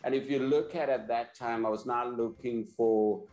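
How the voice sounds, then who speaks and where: A man's voice: mid-range voice, steady tone, normal speed, darkish tone, reverberant, faint music behind. A man in his forties from Sri Lanka, an earnest business leader interviewed over a video call, often repeating words as he restarts. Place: indoor office, plain wall. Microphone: video call webcam.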